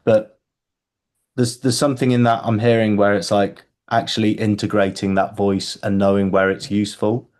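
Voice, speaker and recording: A man with a somewhat low voice hosts a casual group call. He thinks out loud, restarting and repeating words as he works his way to the point. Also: flat delivery, moderate pace. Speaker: book club host.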